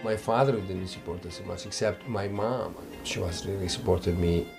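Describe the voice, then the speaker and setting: With music running beneath him, a low-voiced, creaky-sounding musician from Iraq reflects on his life in an interview. Arabic is his native tongue, so his grammar is non-native, and he halts and repeats words as he goes.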